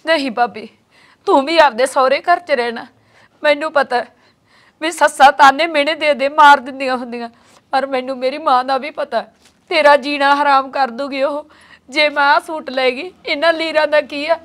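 A woman's voice: high voice, steady tone, moderate pace, a bit bright. An actress playing a young married daughter who is crying as she speaks with her father. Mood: tearful. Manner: tearful, pleading.

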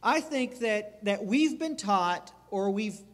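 High, lively-voiced male preacher. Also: slow pace. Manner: earnest, emphatic preaching with repeated phrases and restarts. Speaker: pastor. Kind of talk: sermon. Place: church sanctuary. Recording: reverberant church sanctuary.

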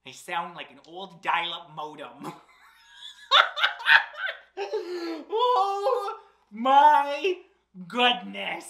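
A drag storyteller, seated in an armchair on a small indoor set, reads to children and chats as host in a theatrical, exaggerated, playful style. The mid-range voice swings hugely in pitch, drawing out words with creak and long pauses. The room gives a roomy echo.

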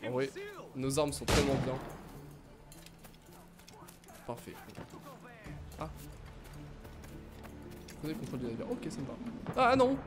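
A man hosting a let's play, giving excitable gaming commentary and making playful blaster sound effects. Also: medium pitch, normal speed, long pauses. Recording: game music in background. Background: game music.

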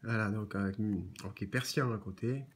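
A man hosting a relaxed, joking chat while he opens trading card packs, often pausing on fillers. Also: fairly low pitch. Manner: joking, chatty, frequent "donc" and "euh" fillers. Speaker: host of a card-opening channel. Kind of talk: casual chat while opening trading cards.

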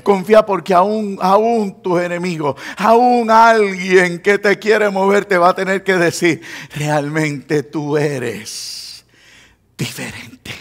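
A male pastor with a Puerto Rican accent preaching a sermon, swinging between shouted declarations and hushed storytelling. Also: sits high, steady tone, measured pace, few pauses. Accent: Puerto Rican Spanish. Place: church sanctuary.

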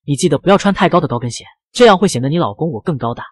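A man's voice: a little high, expressive, rapid-fire, husky, dry recording. A man doing a cocky young rich lover. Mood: teasing. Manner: teasing, self-assured.

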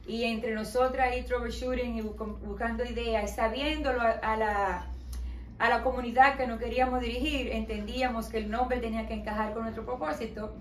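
A middle-aged woman from the Dominican Republic, speaking with a Dominican Spanish accent in a somewhat high voice, presents her skincare line as an interview guest and company owner. Her delivery is measured, explanatory, and promotional, steady with some hesitation fillers. A distant camera records her in a small, echoey indoor showroom decorated with balloons, with slight background noise.

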